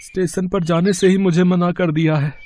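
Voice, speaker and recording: A man's voice: high-pitched, steady tone, normal speed, dark tone, slight background noise, close to an everyday voice. A man voicing a poor, humble father who sells chickpeas, in a meek, pleading and sorrowful manner, in a cartoon story.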